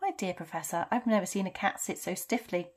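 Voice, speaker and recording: A woman voicing a gentle, whimsical male wizard professor from a storybook, mild, courteous and unhurried. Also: lowish voice, close to an everyday voice. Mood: gentle, amused. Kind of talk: storybook character reading.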